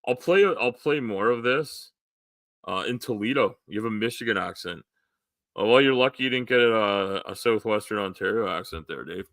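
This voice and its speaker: A man hosting a casual livestream chat, rambling with lots of fillers and going hoarse. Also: on the low side, expressive, moderate pace, a bit bright, no echo, clean studio sound. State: losing his voice. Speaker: live stream host.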